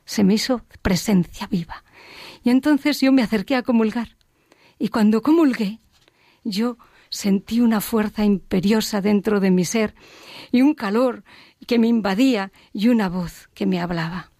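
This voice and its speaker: Woman, earnest faith testimony, gravelly voice. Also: mid-range voice, dry recording, studio quality. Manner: earnest, reflective, drops to a hushed whisper at times.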